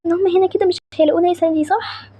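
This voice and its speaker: Egyptian woman doing a cartoon story, high voice, mellow and dry. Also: fairly even intonation, rapid-fire, no echo. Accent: Egyptian Arabic. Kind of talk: animated character-voice storytelling.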